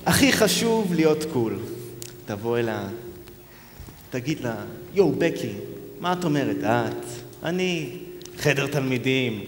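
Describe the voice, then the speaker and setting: A man's voice: medium pitch, very animated, pauses often, over music, natural voice. An actor playing a smug young man who drawls advice on acting cool. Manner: laid-back, drawling. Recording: echoey room with long reverb.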